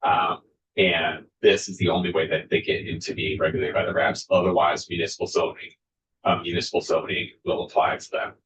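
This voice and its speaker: A man explaining a bill's sections to a legislative committee, careful and halting, with many fillers. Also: rumbling low, level tone, fairly bright tone, slight background noise, rough recording. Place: state senate committee room.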